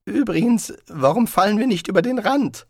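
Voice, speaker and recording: A man voicing a high-strung, fearful wizard in an audiobook, with a strained, shrill voice. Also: expressive, moderate pace, creaky, no room sound, clean studio sound, exaggerated voice. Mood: nervous.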